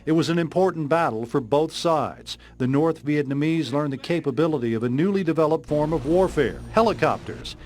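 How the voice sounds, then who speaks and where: A man's voice: on the high side, brisk, few pauses, a little mellow. A man with an American accent narrating a scripted television news report as the reporter.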